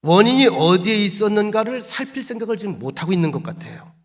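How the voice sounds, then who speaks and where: A man's voice: sits high, very animated, fast talker. A male pastor preaching a Sunday sermon in a church. He presses his points with strings of rhetorical questions and emphatic repetition. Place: church sanctuary.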